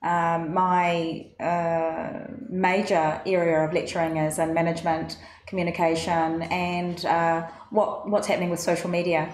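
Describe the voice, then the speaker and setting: A woman's voice: lowish voice, little pitch movement, unhurried, few pauses. A woman, a guest in a studio interview, speaking hesitantly with many fillers. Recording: echoey studio, faint noise.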